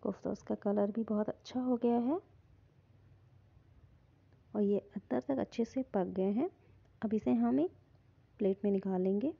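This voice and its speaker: A woman calmly narrating a step-by-step recipe in her home kitchen. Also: medium pitch, a little slow, creaky, long pauses. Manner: calm, instructive, repeats "hum" often. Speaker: cooking channel host. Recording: dull lo-fi phone audio.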